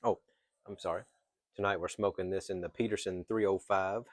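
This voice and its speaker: A man with a fairly low voice talks through an unscripted review in a casual way. He often pauses mid-thought and feels his way to the next phrase. The sound is dry, with very little room in it. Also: fairly even intonation, no room sound. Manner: hesitant, pausing mid-thought, thinking aloud. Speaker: pipe tobacco reviewer.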